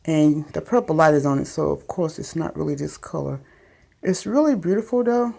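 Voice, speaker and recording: A woman's voice: low-pitched, moderate pace, gravelly, warm tone. A woman giving a casual home video tour of her small greenhouse, chatty and meandering, with many ums, recorded on a handheld phone. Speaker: gardening vlogger. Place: small makeshift greenhouse, indoors.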